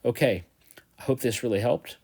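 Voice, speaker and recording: A man teaching a recorded math review lesson, chatty and joking, repeating each step slowly. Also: mid-range voice, creaky, a little mellow, breathy edge. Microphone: tablet voice-over of a whiteboard.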